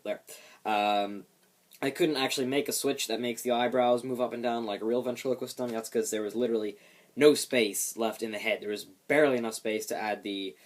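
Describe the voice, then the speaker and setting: A man's voice: mid-range voice, darkish tone. A man giving a casual hands-on demonstration of a homemade build, explaining it with light self-deprecation.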